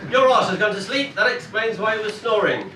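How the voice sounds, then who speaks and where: A man's voice: sits high, animated, brisk. A man playing a brash, argumentative malfunctioning bot who parrots others in a comic amateur pantomime. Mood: scornful. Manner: contrary, parroting. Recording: echoey hall, distant mic, noisy.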